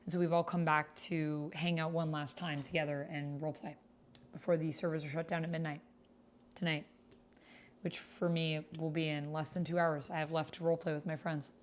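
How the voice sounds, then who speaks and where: Low-pitched and flat, a little fast, this woman streams a tabletop roleplay with slight background noise. She chats casually with her audience, addressing viewers and reading out chat and story text.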